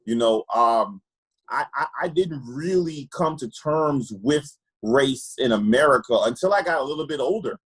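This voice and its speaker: A man's voice: medium pitch, expressive, moderate pace, slightly rough, poor audio. A man from Trinidad, an optometrist, telling candid personal stories in an earnest way and often repeating words as he searches for them. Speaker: optometrist guest.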